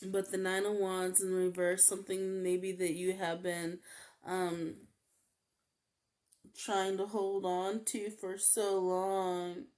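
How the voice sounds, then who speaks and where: Slow, flat-voiced woman reading tarot. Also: medium pitch. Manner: halting, full of "like" and "um" fillers. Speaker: tarot reader. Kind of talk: casual tarot card reading.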